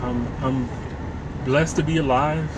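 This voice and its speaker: Rambling thirty-something trucker over road noise. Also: male voice, medium pitch, steady tone, takes it slowly. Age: 30s. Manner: rambling, joking, swears freely, many fillers and restarts. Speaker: truck driver and vlogger. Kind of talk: casual rambling monologue while driving. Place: inside a moving truck cab in traffic. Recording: loud road and engine noise in truck cab.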